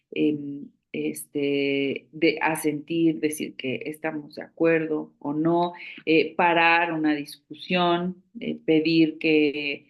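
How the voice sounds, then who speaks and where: Woman instructor, unhurried delivery with a gravelly edge, measured and explanatory with searching pauses. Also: low-pitched, highs cut off. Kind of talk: online training lecture.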